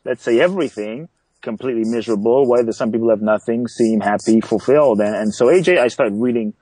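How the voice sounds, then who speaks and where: A man's voice: mid-range voice, fast, warm tone, breathy edge, no echo, poor audio. A man from London, a coach guest, telling his story in an earnest, reflective way with frequent repeated words. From grew up in London. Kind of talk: interview storytelling.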